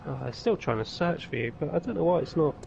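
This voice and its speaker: A man, calmly guiding a friend through game settings step by step during a co-op stream. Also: fairly high pitch, fast talker, vocal fry, highs cut off, a little hiss or hum. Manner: patient, explaining step by step. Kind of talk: casual game chat over voice call.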